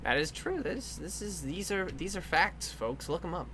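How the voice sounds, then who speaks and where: A man's voice: fairly high pitch, expressive, normal speed, pushed and bright, slightly rough. A man hosting a casual drawing stream, playful and jokey with his friends. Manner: playful, jokey, breaks into laughs. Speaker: host.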